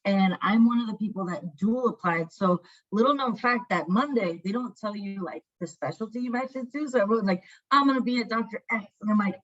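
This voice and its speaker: A woman's voice: mid-range voice, a bit bright. Chatty young woman on a dull line. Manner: chatty, lots of likes. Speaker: panelist. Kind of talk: casual chat. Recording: dull lo-fi audio.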